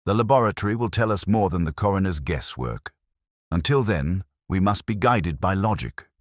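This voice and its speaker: Voicing Sherlock Holmes for a mystery audiobook, a very deep-voiced man uses lively intonation while staying formal and commanding. Each deduction comes out with deliberate precision and measured authority, captured as a dry recording with clean studio sound.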